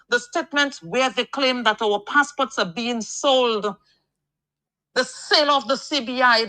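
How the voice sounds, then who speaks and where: A woman's voice: sits high, sharp tone, no room sound, rough recording. A woman from Dominica, heard in a voice message played on air, complaining with passion and repeating words as she searches for them. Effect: recorded voice message played on air. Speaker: caller sending a voice note. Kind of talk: political call-in complaint.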